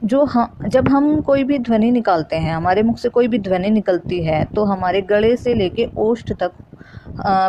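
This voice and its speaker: A woman's voice: mid-range voice, dull audio, noisy background. A woman teaching a Hindi grammar lesson for exam preparation, explaining step by step and repeating key terms.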